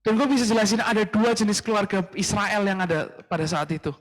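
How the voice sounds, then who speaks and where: Brief: a laid-back youth preacher, slightly higher voice, chatty style. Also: male voice, fairly quick, big-room sound. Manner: casual, mixing in English phrases, addressing "guys". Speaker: youth pastor. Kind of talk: casual youth sermon. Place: church livestream.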